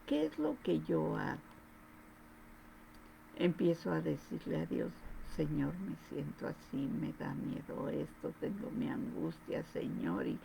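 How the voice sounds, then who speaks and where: Woman, earnest devotional testimony. Deep gravelly fry, lively swinging intonation. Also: a little hiss or hum, poor audio. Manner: earnest, repetitive, addresses listener directly.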